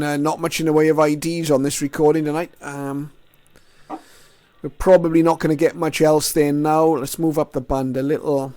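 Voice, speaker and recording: A radio hobbyist host screen-records himself tuning a radio, offering casual, unscripted commentary in short remarks as he thinks aloud. His voice is medium-pitched and warm, with radio music and signals from the receiver in the background.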